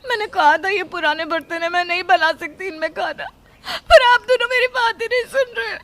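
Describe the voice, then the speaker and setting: Here the same plaintive daughter-in-law from a Hindi moral story, played by a woman narrator, turns tearful. Her very high voice stays insistent as she defends herself and shifts blame, delivered briskly with a fairly bright tone in lightly acted dialogue.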